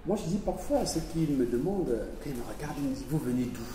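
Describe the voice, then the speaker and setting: A man's voice: a little high, lively intonation, racing, warm tone. Emphatic man in an echoey hall. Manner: emphatic, repeats phrases, acts out dialogue. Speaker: author speaking at a public event. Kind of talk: spontaneous talk to an audience. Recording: echoey hall, voice from far off, faint noise.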